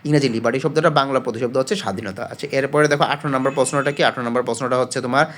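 A man talks students through exam questions in a relaxed spoken lesson. His voice sits at an ordinary middle pitch, and he pauses often on fillers. He keeps posing questions and answering them himself. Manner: explains patiently, asks and answers own questions; frequent hesitation fillers. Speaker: exam-prep tutor.

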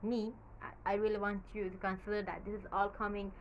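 A young YouTuber whose first language is Farsi chats about movies from a small bedroom, recorded on a camera at desk distance. Her mid-range voice is flat and fairly quick, with the highs cut off. She rambles casually with many fillers and seems a little nervous.

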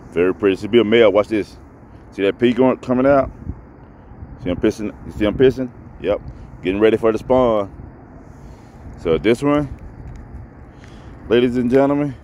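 Filmed with a head-mounted camera, a man fishes from a grassy pond bank and gives viewers casual commentary. He has a medium-pitched, darkish voice, and the audio sounds dull. A faint outdoor background noise can be heard.

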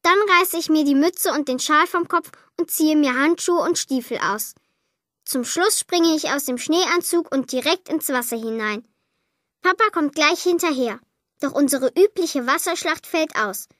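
A woman reading a children's Christmas story aloud, lively and lightly voicing the girl and her parents. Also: high-pitched, measured pace, no room sound, clean studio sound. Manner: lively, voices the child, mother and father lightly.

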